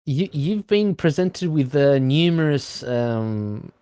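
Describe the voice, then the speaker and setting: A man debating informally in a halting, lecturing way, with rather formal wording. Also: on the high side, expressive, dark tone, clean tone, no room sound, studio quality.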